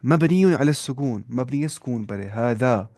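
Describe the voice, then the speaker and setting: A man's voice: mid-range voice, expressive, a little slow, a little mellow, no echo, studio quality. Patient man drilling grammar forms. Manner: patient, asks rhetorical questions and answers them; repeats word forms aloud in drills. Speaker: Arabic grammar teacher. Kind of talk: explaining grammar rules step by step.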